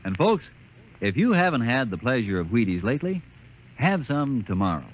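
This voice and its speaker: A man's voice: big pitch swings, moderate pace. A man reading a cheerful sponsor announcement in 1950s radio style, heard from an old broadcast disc recording. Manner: hearty, upbeat pitchman delivery. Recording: muffled, noisy old radio transcription.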